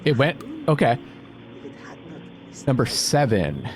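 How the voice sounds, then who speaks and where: A man with a mid-range voice delivers slow, very animated let's-play commentary for a gaming video. He mutters and thinks aloud casually, reading out bits along the way, with game music in the background.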